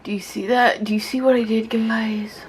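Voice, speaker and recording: A beauty vlogger with a slightly high voice, steady in tone and moderate in pace, presents a makeup tutorial over slight background noise. She's drunk, chatting casually with viewers in a giggly, rambling way, playful and self-deprecating, with some swearing.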